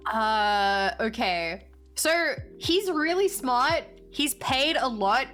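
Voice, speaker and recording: Woman, late twenties, streamer, casual rambling chat, lively pitch, soft music behind. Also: drawn-out words. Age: 20s. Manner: rambling, thinks aloud with many fillers.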